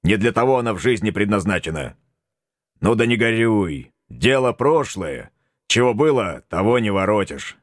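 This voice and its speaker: A man's voice: lowish voice, animated, moderate pace, no echo, clean studio sound. A man voicing a folksy, bossy tsar in an audiobook, talking bluntly in homespun old-fashioned speech. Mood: chiding. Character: folksy bossy male tsar, middle-aged. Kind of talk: audiobook character voice.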